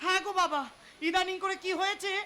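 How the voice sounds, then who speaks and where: A man voicing a whiny, teasing pregnant young village wife in a folk stage comedy, in a shrill put-on woman's voice. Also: fairly even intonation, fast, heavily acted. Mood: pleading. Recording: live stage mic with loud music.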